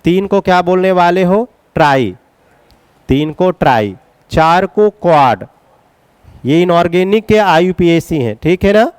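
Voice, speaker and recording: A man teaching chemistry in a classroom lecture, coaxing his students with questions and chanting mnemonics in a slow singsong. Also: high voice, animated, a little mellow, clear, resonant tone, no room sound. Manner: coaxing, calls students beta, asks and answers questions.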